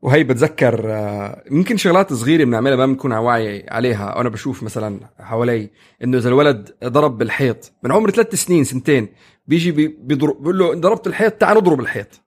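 A man co-hosting a casual parenting chat, animated and full of restarts. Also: medium pitch, racing. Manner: animated, acts out children's voices, many restarts. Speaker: podcast co-host.

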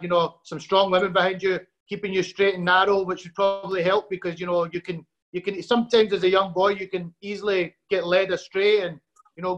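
A man hosting a casual sports interview, friendly and halting with lots of fillers. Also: sits high, a bit bright, lo-fi sound. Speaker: host.

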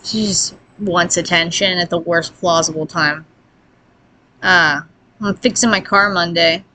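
A woman's voice: lowish voice, fairly even intonation, a little slow, bright, forceful tone, a little hiss or hum. A woman co-hosting a casual chat podcast, laughing often and swearing freely as she tells stories. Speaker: podcast co-host.

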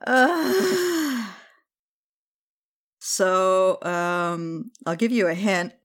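A woman's voice: medium pitch, animated, very slow. Woman game master narrating a tabletop game.

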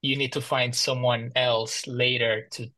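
Podcast guest, male, Albanian accent, narrow even intonation, close dry sound, conversational and good-humoured. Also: mid-range voice, measured pace, dry recording. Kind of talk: casual interview talk.

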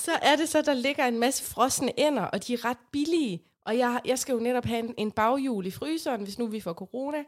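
A woman chatting casually and telling an everyday anecdote with lively energy. She laughs often between lines, and her voice sits a bit high. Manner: animated storyteller, laughs often. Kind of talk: casual storytelling chat.

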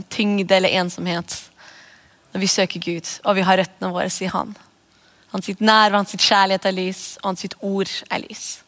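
A woman's voice: mid-range voice, fairly bright tone. A woman in her thirties, a pastor, preaching an earnest, conversational sermon and praying. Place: church hall. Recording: long church reverb.

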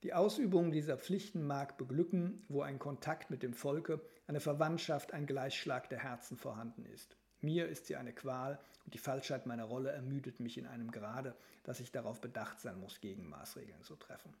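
A man voicing an ailing grand duke, the older brother, who speaks in a formal, tired and measured way in a novel reading. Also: mid-range voice, gravelly, a little mellow, close to an everyday voice. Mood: weary formal.

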